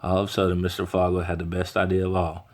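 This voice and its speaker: A deep-voiced man reads a children's picture book aloud. He now and then stumbles and restarts over words as he goes. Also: completely flat delivery, quick pace, a little mellow. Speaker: reader.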